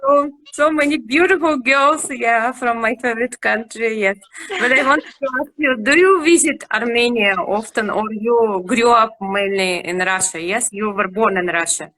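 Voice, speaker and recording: A woman's voice: fairly high pitch, low-quality recording. A woman hosting an interview, asking questions and eagerly agreeing with her guest's answers. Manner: warm, encouraging, quick to agree. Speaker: interview host.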